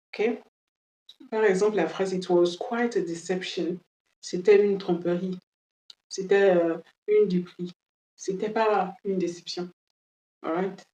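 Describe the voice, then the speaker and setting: A woman gives a bilingual language lesson in a low, mellow voice, patiently explaining and checking understanding with a frequent "ok?". Her voice sits a little back from the microphone in a roomy, echoing space. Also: steady tone, measured pace, long pauses, distant mic. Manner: explains patiently, often checks "ok?", switches between English and French. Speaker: English teacher.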